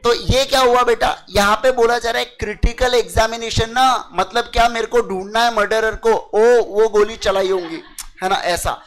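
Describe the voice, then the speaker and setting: A man's voice: very high-pitched, steady tone, normal speed, few pauses, a bit bright, poor audio. A young man giving a chatty lecture to students. He mixes in English terms and keeps checking that they understand. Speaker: teacher. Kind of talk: casual classroom lecture.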